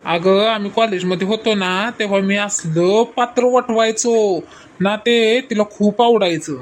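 A woman's voice: medium pitch, unhurried, slight background noise, natural voice. A woman playing a sheepish, stammering husband. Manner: hesitant, stammering, placating. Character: bumbling middle-aged husband, sheepish and evasive. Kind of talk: comic skit acting.

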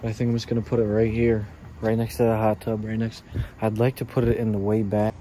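A man's voice: lowish voice, completely flat delivery, fast talker, mellow, rough recording. A young man talking casually to his vlog audience, thinking aloud in slangy speech with light swearing. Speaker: vlogger. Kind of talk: casual vlog talk to camera. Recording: clear background noise, handheld vlog recording.

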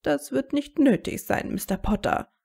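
A woman's voice: high-pitched, moderate pace, gravelly, a little mellow, slightly rough, pitched above the performer's own voice, full character voice. A woman voicing a strict older female professor, clipped and commanding in a story reading. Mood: stern.

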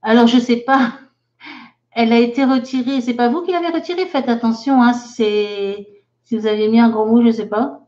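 A woman's voice: fairly high pitch, steady tone, dark tone, lo-fi sound. A woman, teaching a live online English lesson, reading out viewers' chat sentences and patiently correcting them. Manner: slow, careful, patient explaining.

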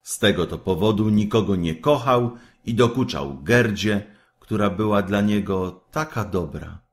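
Male storyteller reading a fairy tale, low voice, unhurried and very melodic. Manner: expressive, measured storytelling.

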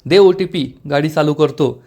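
A man's voice: fairly high pitch, a little slow, darkish tone. A man voicing an irritable young husband who scolds his wife. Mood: irritated.

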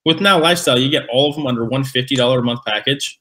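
A man co-hosting a business webinar, emphatic and hyping in a casual sales pitch. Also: racing, fairly bright tone. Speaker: webinar co-host.

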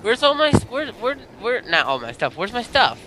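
A young man hosting a casual let's play, rambling excitably with lots of fillers. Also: high voice, moderate pace, a little hiss or hum. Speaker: gaming channel host. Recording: game audio with gunfire over the voice. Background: gunfire.

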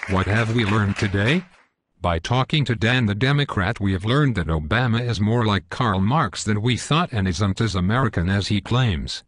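A man's voice: on the low side, lively intonation, normal speed, fairly bright tone, no room sound, clean studio sound, some chatter behind. A synthetic male voice playing a smug, belligerent parody news anchor in a scripted cartoon newscast, stiff and pompous.

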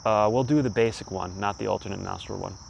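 Talking fast in short, spaced-out phrases, a man in his thirties with a fairly low voice and vocal fry walks listeners through a breathing exercise. He's outdoors near a leafy pond, where insects, outdoor ambience, and faint noise can be heard.

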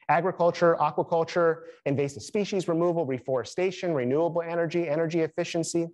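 Young man giving a scripted update. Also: a little high. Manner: steady, measured delivery listing achievements. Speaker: program director presenting updates. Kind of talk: scripted presentation to camera. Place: studio in front of a green screen.

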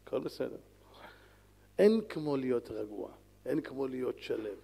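A man, a rabbi, giving a sermon in an animated, lively way, swinging between loud calls and soft pleading. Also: medium pitch, creaky, breathy edge. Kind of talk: Torah lecture sermon. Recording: long hall reverb.

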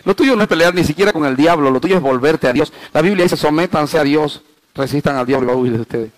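A male pastor preaching a sermon, swinging between loud, high emphasis and hushed low passages, slowing down to stress key phrases and asking the congregation rhetorical questions. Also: dry recording, low-quality recording.

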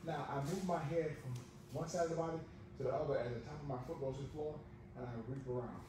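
A fast-talking judo coach with a slightly high voice and fairly even intonation fires off short commands and repeats his cues during hands-on coaching. The sound comes from a camera sitting on the floor of a big, echoey gym with background noise.

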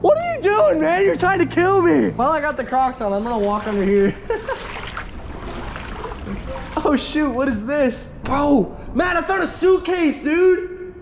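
An excitable young man hosting an outdoor vlog, laughing and joking as he films himself with an action camera beside a busy road. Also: extremely high pitch, measured pace. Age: young adult. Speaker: host. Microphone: action camera, chest mount or held at arm's length. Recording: outdoor camera audio with traffic noise. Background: traffic and outdoor noise.

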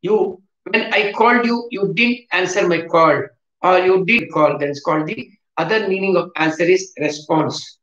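A man, teaching vocabulary in a slow, repetitive way and switching into Hindi to explain. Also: high-pitched, a bit bright. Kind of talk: classroom lesson on vocabulary. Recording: echoey room, dull lo-fi sound.

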